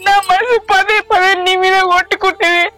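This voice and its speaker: Woman playing a tearful devoted daughter, very high. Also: steady tone, a little fast, sharp tone, soft background music, exaggerated voice. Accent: Telangana Telugu. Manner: tearful, emotional pleading. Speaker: actor. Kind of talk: village short-film acting.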